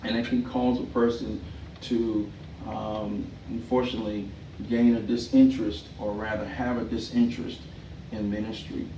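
A middle-aged man giving a thesis defense presentation in a hesitant, halting way, often rephrasing himself. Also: fairly low pitch, little pitch movement. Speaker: doctoral candidate and pastor. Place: small indoor meeting room. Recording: roomy, distant mic with background noise.

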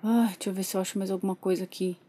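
A woman's voice: mid-range voice, fairly even intonation, rapid-fire, mellow, slightly rough, voice pushed down, natural voice. A woman voicing a frustrated young father who complains about a crying baby in a toy soap opera. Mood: exasperated. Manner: exasperated and complaining. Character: frustrated young man, reluctant new father.

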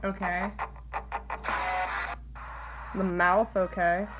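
A woman's voice: mid-range voice, level tone, extremely slow, highs cut off, loud music behind the voice. A woman giving casual, incredulous, exclamatory reaction commentary. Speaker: reactor in a try-not-to-laugh challenge. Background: video clips playing on a laptop.

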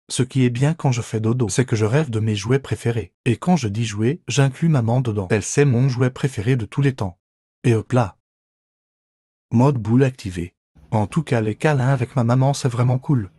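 A man's voice: mid-range voice, moderate pace, dark tone, breathy edge, dry recording, studio quality, lightly acted. A man voicing a cheeky, boastful pet ferret in a playful, mock-dramatic comic voice-over.

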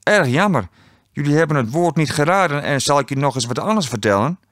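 Man voicing bright, teasing TV quiz hostess, lifted pitch, bone-dry studio read. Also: lively intonation, brisk, dry recording. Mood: sing-song teasing. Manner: high, teasing, laughing. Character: chirpy middle-aged female quiz show hostess.

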